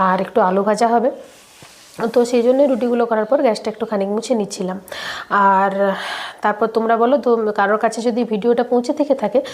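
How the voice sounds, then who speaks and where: A woman's voice: a little high, a little mellow. A young woman, narrating her daily-life vlog while she has a cold, chatty and speaking straight to viewers with many fillers. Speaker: vlogger.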